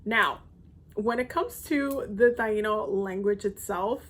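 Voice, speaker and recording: A young woman from the Dominican Republic who makes spiritual content chats casually with her viewers in a vlog. Her medium-pitched voice is fairly bright and slow, and her talk rambles loosely, full of ums, fillers and restarts.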